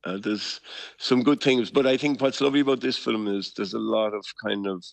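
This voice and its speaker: Older man, Kerry Irish accent, lilting storyteller manner, low pitch, close dry sound, casual halting chat. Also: creaky, no echo. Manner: lilting storyteller's way of talking, with homely comparisons; rambling, halting delivery. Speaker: interview guest. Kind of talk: casual, anecdotal radio chat.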